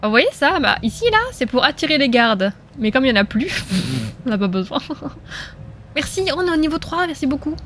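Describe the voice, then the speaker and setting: A woman's voice: sits high, big pitch swings, a little fast, fairly bright tone, slight background noise. A woman streaming a video game, chatting casually and playfully with her viewers and laughing often. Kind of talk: casual live gameplay commentary.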